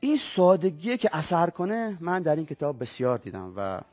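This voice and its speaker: Man guest, reflective measured talk, higher voice, dry sound, soft music under. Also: wildly swooping pitch, dry recording. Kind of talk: talk show interview and reading aloud.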